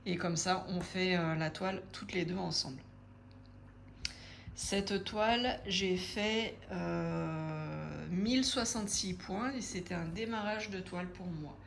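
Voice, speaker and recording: A woman in her forties talks unhurriedly to her viewers about her craft projects in a relaxed, chatty way. Her voice sits fairly low, and she hesitates often, filling pauses as she thinks. A faint hiss runs underneath. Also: gravelly. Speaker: craft vlogger. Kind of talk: casual chat to camera.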